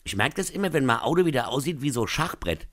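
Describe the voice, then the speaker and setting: A male stand-up comedian performs a scripted radio bit, his pitch jumping up and down as he lands his gags. The recording is close and dry, with almost no room sound. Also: very animated, fast, fairly bright tone, no echo. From Rhineland-Palatinate, Germany. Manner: punchy, jokey delivery with sudden pitch jumps and asides.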